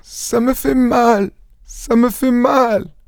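A man reading aloud and voicing a frightened, sickly young woman in a high, hesitant voice. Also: expressive, measured pace, a little mellow, clear, resonant tone, no echo, clean studio sound. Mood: pained. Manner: raised falsetto-like pitch, hesitant.

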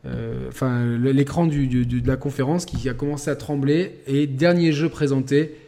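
A man hosting a casual gaming podcast, talking with animated stops and restarts. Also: mid-range voice, moderate pace, vocal fry. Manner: animated, stumbling restarts, laughing storyteller. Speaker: podcast host.

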